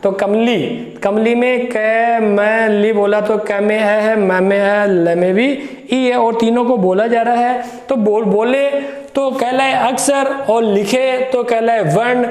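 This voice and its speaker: A man teaching a grammar lesson for exam students. He speaks slowly, repeats each word aloud to show how it sounds, and asks his students questions as he explains step by step. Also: very high-pitched, steady tone, darkish tone, roomy sound.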